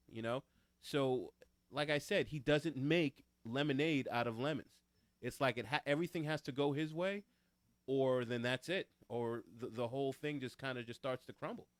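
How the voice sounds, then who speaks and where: A man's voice: medium pitch, dry recording. Opinionated Long Island man, dry mic. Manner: emphatic, opinionated. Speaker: podcast co-host. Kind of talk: casual sports chat.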